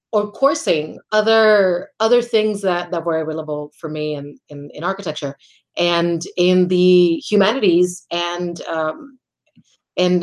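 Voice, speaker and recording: A middle-aged Puerto Rican woman, appearing as a guest architect, answers interview questions conversationally in a fairly low voice. She responds thoughtfully and carefully, frequently restarting phrases and laughing lightly between thoughts.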